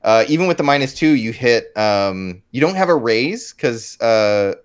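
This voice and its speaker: A man's voice: medium pitch, expressive, moderate pace, clean tone. A man running a tabletop game as game master, chatty and full of fillers and restarts.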